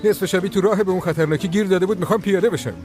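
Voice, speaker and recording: Man acting a cool self-assured young man, slightly high voice, faint music, dubbed drama. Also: a little mellow, lightly acted. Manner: cool, measured and a little condescending. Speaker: actor in a TV drama dub.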